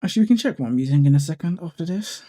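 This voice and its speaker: A man's voice: a little high, expressive, racing, mellow. A man casually talks through setting up his code editor, thinking aloud with fillers and self-corrections. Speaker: YouTuber walking through a code editor setup. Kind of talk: casual screen-recording tutorial.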